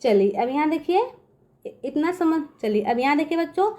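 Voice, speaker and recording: With a high-pitched, expressive, warm voice, a woman patiently teaches phonics rules to children in classroom fashion. Checking often that they follow, she spells words out letter by letter, slowing down and dragging out the sounds.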